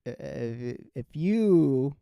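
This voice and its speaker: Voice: mid-range voice, expressive, extremely slow, vocal fry, clear, resonant tone, no room sound, highs cut off. A podcast host chatting casually, rambling through fillers and breaking into laughter.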